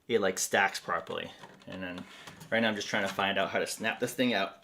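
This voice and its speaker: A man's voice: fairly low pitch, a bit bright, a little hiss or hum. A man hosting a livestream in a casual, rambling way, full of fillers, reading viewer comments aloud. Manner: rambling, many fillers, reads chat aloud. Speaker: livestream host.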